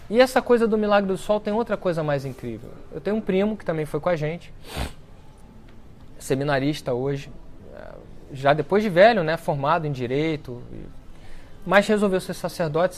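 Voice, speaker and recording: Animated man telling a story to an audience. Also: on the high side, normal speed. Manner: animated storyteller who acts out quoted speech. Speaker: speaker at a book launch talk. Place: lecture event before an audience.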